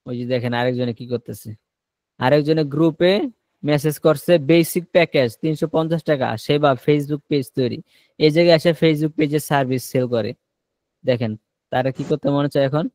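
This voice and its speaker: A man leading an online English lesson, voice sitting a bit high and close and dry with no room around it. He calls out words one by one and drills them back slowly and patiently. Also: darkish tone, no echo. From Bangladesh. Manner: drills students with quick prompts, repeats words slowly. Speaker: English teacher. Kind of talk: online spoken-English class.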